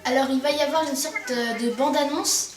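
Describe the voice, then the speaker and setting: A woman co-host talks casually over a game in a slightly high voice. She is a little distant from the mic in an echoey room. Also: moderate pace, music in the background. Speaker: gaming video co-host.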